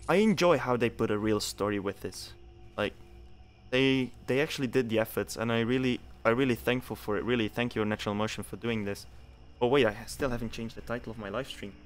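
A young Belgian man streams a game, talking at a slightly fast clip in a medium-pitched voice. His casual commentary is chatty and repetitive, and he reads the game's text out loud.

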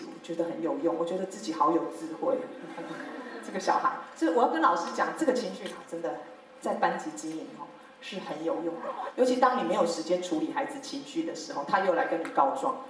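A woman teacher with a Taiwanese Mandarin accent tells classroom stories to other teachers in a workshop talk, playing out her pupils' lines and laughing along. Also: on the low side. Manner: lively storytelling, acting out pupils' lines with laughter. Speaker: teacher sharing classroom methods. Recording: very echoey hall from far off.

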